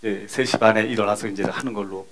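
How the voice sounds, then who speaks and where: An older man, a guest consultant, talking bluntly and animatedly in a casual talk show chat. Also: lowish voice. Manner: rapid, blunt and animated, chuckling. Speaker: guest, business consultant and writer.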